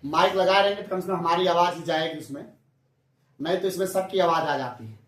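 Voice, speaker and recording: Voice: medium pitch, fairly quick. A teacher giving a classroom lesson who drills pupils with repeated call-and-response questions and calls them children. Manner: addresses pupils as children, scolds chatter. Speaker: English teacher. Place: classroom with traffic outside. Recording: roomy classroom sound, distant mic, faint traffic noise.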